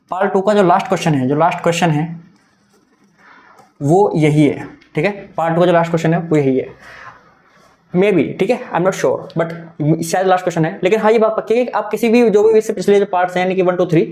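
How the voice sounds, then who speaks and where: A young man's voice sits high but has a darkish tone as he leads an exam-prep maths lesson. He keeps coaxing his listeners, repeating points and dropping in English terms.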